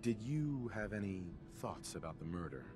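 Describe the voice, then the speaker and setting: A hard-boiled noir detective from a video game. His voice is deep with lively intonation, and he questions people sternly, with music playing behind him. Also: moderate pace. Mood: accusing. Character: stern adult male detective interrogating suspects. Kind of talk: scripted game dialogue.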